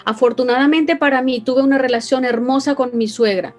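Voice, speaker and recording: A woman's voice: sits high, fairly even intonation, brisk, a little mellow, soft background music. A Venezuelan woman with a Venezuelan accent, earnestly telling an emotional personal story as an interview guest. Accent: Venezuelan Spanish. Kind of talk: personal testimony.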